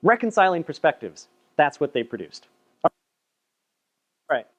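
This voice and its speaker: A man's voice: fairly high pitch, sing-song, measured pace, fairly bright tone, muffled recording. Chatty man presenting a paper. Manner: chatty, self-deprecating, repeats words. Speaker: meetup presenter. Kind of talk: casual technical talk. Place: meetup room.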